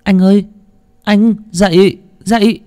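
A man voicing a caring middle-aged mother who advises gently and calls out urgently. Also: sits high, fairly even intonation, slow, clean tone, pitched above the performer's own voice. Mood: frantic. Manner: tender advice, then urgent calling.

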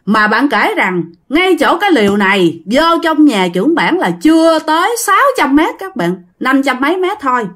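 Lively woman telling a ghost story. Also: sits high, normal speed, hardly any pauses. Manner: lively, acts out the quoted voices. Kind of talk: casual ghost story narration.

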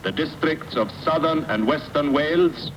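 Stern occupation announcer on a car loudspeaker, slow and formal, heard from far off. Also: male voice, fairly high pitch. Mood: commanding. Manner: slow, formal, commanding proclamation. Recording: distant loudspeaker with background noise.

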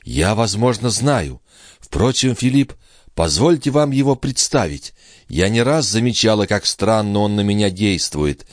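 A man reading an audiobook and voicing a distraught, indignant young noblewoman in an impassioned, pleading voice that rises toward shrill. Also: expressive, a little slow, dry recording, clean studio sound. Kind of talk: audiobook character voice.

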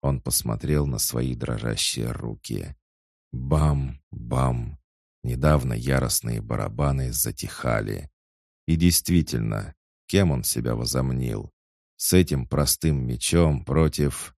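A man reading a dark action story aloud as dramatic narration, slow and intense, rising to shouts for the characters' lines. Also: very deep voice, creaky, no room sound, clean studio sound.

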